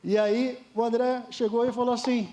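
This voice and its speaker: A man's voice: very high-pitched, flat delivery, normal speed, warm tone, highs cut off. A middle-aged Brazilian man preaching a sermon at a church service, emphatic, often calling his listeners dear ones. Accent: Brazilian Portuguese. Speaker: pastor.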